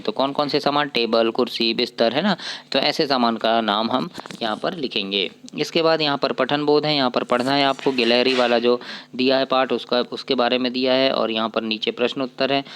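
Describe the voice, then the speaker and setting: Teacher, male, mid-pitched, smooth and resonant, patient step-by-step explainer. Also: fairly bright tone. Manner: explains step by step, asks and answers his own questions; reads poem lines slowly. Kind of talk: workbook lesson walkthrough.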